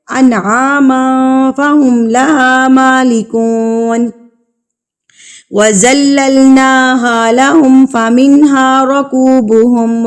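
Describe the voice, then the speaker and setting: Woman, tajweed teacher, slightly high voice, slow stretched recitation, brisk patient explanations. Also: warm tone. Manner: recites verses slowly and stretched, then explains rules briskly; patient instructional tone, repeats rule names. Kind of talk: tajweed lesson, slow drawn-out recitation with quick explanations in between.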